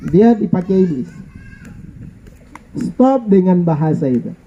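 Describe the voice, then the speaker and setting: A man's voice: high-pitched, big pitch swings, measured pace, lo-fi sound, slight background noise. A middle-aged male pastor, preaching a jokey, playful sermon and calling for amens. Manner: jokey, playful, asks congregation for amen. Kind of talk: lively sermon. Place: church.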